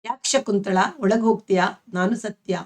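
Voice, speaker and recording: A woman voicing an earnest young man who gently reassures his sister, in a slightly lowered, softer voice. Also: normal speed, lightly acted. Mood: gentle.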